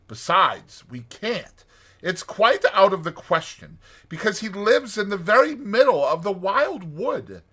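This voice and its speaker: A man's voice: high-pitched, sing-song, a little slow, sharp tone, breathy edge, pitched above the performer's own voice, exaggerated voice. A man voicing a hearty, evasive Water Rat from a storybook, speaking in an emphatic, insistent way. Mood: alarmed.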